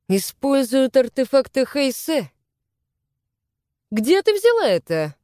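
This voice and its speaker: A woman's voice: high voice, very animated, slow pace, mellow, no echo, clean studio sound, voice pushed up, full character voice. A woman voicing the young son of a demon lord, cold and commanding, in an audiobook reading. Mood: stern. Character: young male demon lord's son, stern, proud.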